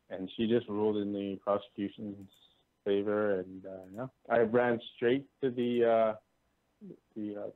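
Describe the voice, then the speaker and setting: A man from Canada calling in over a breaking-up voice call line, telling his story in a halting way with many restarts. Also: lowish voice. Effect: heard over a breaking-up voice call line. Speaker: caller. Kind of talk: casual phone-in conversation. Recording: tinny, dry voice call line.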